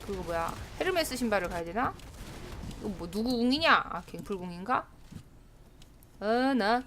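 A woman's voice: medium pitch, very animated, moderate pace, a little hiss or hum. A woman streaming a game live, chatting to herself and her teammates and often breaking into exclamations. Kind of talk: live gameplay commentary.

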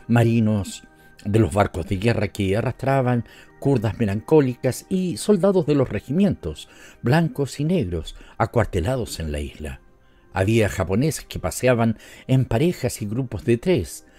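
A man with a Latin American Spanish accent narrating an audiobook story in a measured, even way. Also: mid-range voice. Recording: soft music underneath.

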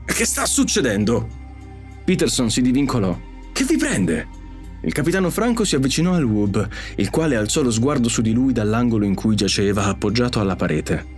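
A man narrating an audiobook story in an expressive, animated way. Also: medium pitch, fast, hardly any pauses. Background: faint music.

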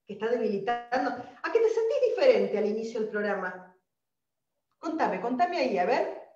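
A woman's voice: fairly high pitch, normal speed, roomy sound, distant mic, dull audio, over music. A woman with an Argentine accent hosting a live-streamed spiritual wellness talk, emphatic and speaking straight to her viewers. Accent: Argentine Spanish. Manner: animated, emphatic, addresses viewers directly. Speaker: holistic wellness host.

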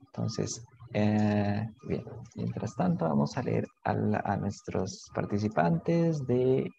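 A male teacher explains English grammar slowly and patiently, repeating each word. His voice is gravelly, and faint background noise with keyboard clicks sits under it. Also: lowish voice, very animated, mellow, muffled recording. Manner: slow, patient, repeats words and translates between English and Spanish. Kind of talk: online English grammar lesson.

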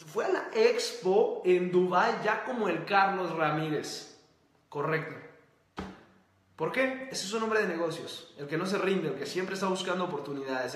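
A man's voice: high voice, fairly bright tone, reverberant. A man hosting a motivational talk to camera, speaking emphatically, repeating key phrases and throwing yes-or-no questions at his listeners. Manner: asks the audience quick yes-or-no questions.

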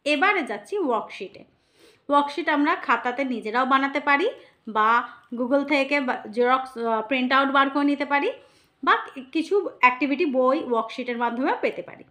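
A woman teaching letter sounds, slowly sounding out each letter and answering her own questions. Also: high-pitched, pushed and bright. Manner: slow, sounding out letters one by one. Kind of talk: phonics lesson for parents.

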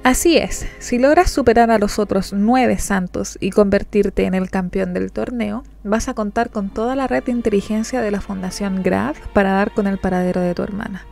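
Woman playing a stern rich young girl, bossy, cool, slight rasp. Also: medium pitch, moderate pace, hardly any pauses, a little mellow, faint music behind, close to an everyday voice. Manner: commanding, stern.

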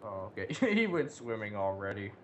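A young man plays a co-op video game with a friend for a let's play, joking around crudely and swearing freely. His lowish voice is sing-song and slightly bright at a moderate pace. There's a little background noise.

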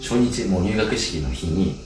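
A young man telling stories from his school days in casual chat, animated, laughing often and acting out the people he quotes. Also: deep voice, a little slow, distant mic. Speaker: channel host telling life stories. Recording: roomy, off-mic with music behind.

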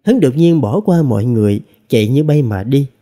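A man narrating a fantasy novel as an audiobook reader, with expressive storytelling. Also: medium pitch, brisk.

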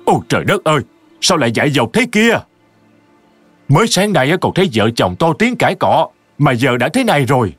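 A man's voice: on the high side, sing-song, a little fast, a bit bright, breathy edge, no echo, faint music behind, pitched above the performer's own voice, full character voice. A man voicing a flustered village neighbor who exclaims and laments, in a storybook horror reading. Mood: dismayed.

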